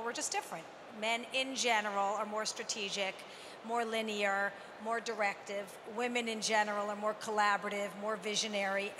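A middle-aged woman speaking animatedly as a panelist on a conference stage, holding a handheld mic. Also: on the high side. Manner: animated, emphatic, gestures while talking. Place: large conference hall stage. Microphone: handheld microphone. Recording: reverberant hall with background noise.

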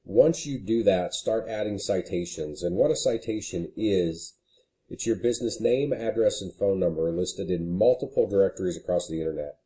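Male consultant, deep mellow voice, easygoing screen-share walkthrough. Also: normal speed. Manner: casual and conversational, frequent "you know". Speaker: marketing consultant.

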